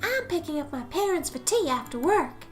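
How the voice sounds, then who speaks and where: A woman's voice: extremely high pitch, very animated, moderate pace, soft background music. A woman voicing a doting young wife with a syrupy sweet, cooing voice.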